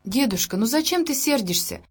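A woman voicing a young schoolgirl who pleads hurriedly to calm the adults. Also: on the high side, brisk, slightly rough, pitched above the performer's own voice. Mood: pleading. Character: young schoolgirl, eager to please.

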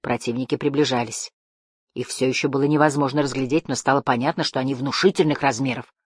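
A woman narrating a fantasy audiobook in a calm, steady way. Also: a bass voice, fast talker, breathy edge, no echo, clean studio sound.

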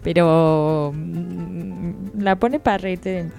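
A woman co-hosting a community radio show, bantering with quick retorts and frequent laughter. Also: lowish voice, fairly even intonation, vocal fry, mellow, soft background music. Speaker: radio co-host. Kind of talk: casual radio chat.

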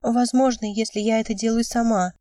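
A woman's voice: fairly high pitch, fairly even intonation, a little fast, mellow, dry recording, recorded from a distance, voice pushed up, natural voice. A woman voicing a young woman who is upset and pleading with her lover, speaking emotionally. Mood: bitter. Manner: emotional, cries out then pleads.

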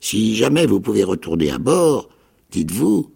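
An actor playing a ragged, half-mad old marooned pirate with a raspy, creaking voice, pleading and eager in a dramatic radio reading of a novel. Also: male voice, measured pace, exaggerated voice. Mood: eager rambling. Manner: high, pleading, eager voice with excited leaps.

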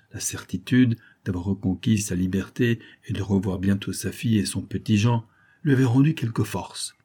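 Man, audiobook narrator, scripted narration, low mellow voice, husky.

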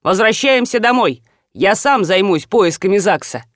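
A woman reading the part of a bossy retired colonel who barks commands, in her own lively voice. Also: high voice, moderate pace, dry recording, clean studio sound. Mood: commanding.

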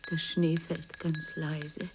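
An actress playing a neglected wife confronting her husband in a radio play, moving between hushed whispers and tearful pleading. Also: fairly high pitch, expressive, measured pace, background noise. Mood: resigned.

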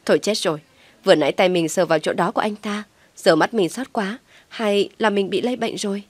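A hot-tempered young mistress, sharp-tongued and scornful, whose scolding turns shrill, as a woman reader puts her on. The recording is dry and close. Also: fairly quick, no echo, natural voice. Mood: panicked.

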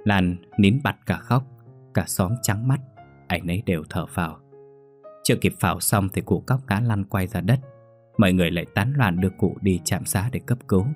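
A male storyteller with a lowish voice reads a folk tale aloud in a lively way. Faint piano music plays quietly beneath his narration. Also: normal speed. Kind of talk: scripted narration.

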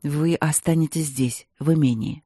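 An audiobook narrator voicing a grown man who turns into a bear. He speaks low, hoarse and slow, as if barely holding himself back. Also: mellow, dry recording, studio quality, lightly acted. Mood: strained. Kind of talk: audiobook reading.

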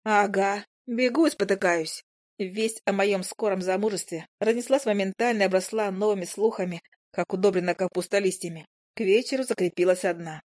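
A woman narrating a first-person audiobook in a lively, expressive way. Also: medium pitch, brisk. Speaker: audiobook reader.

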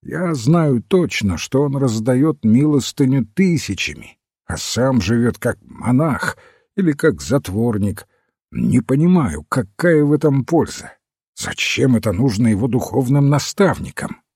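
A gruff, grumbling old general, voiced by a male reader, slow and mellow. The voice is husky and lively in its rises and falls, recorded close and dry. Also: mid-range voice, no room sound, exaggerated voice.

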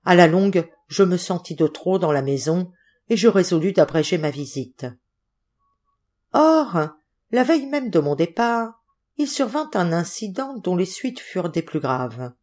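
Lady reading a story out loud, steady and expressive, kinda low pitched. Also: unhurried. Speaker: audiobook reader. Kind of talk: storybook narration.

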